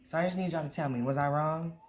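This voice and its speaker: A man's voice: fairly high pitch, fast, a little hiss or hum. An American man talking casually and at rambling length to viewers, venting in a storytime vlog. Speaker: vlogger. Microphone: camera on a tripod.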